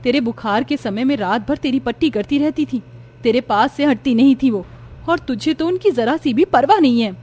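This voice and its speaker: A woman voicing a kind, patient elder sister in a storybook, earnest and gentle. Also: sits high, lively intonation, moderate pace. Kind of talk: storybook voice acting.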